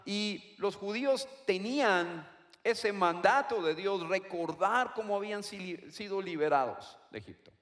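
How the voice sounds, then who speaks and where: A man preaching a sermon, slowly repeating and stressing key words. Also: high voice, a bit bright. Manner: slow, emphatic repetition of key words. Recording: long reverb of a large hall.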